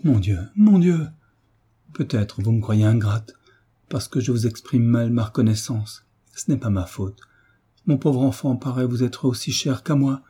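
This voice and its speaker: A man's voice: medium pitch, mellow, breathy edge. A man reading aloud, voicing a young mother who begs desperately in an imploring, supplicating way.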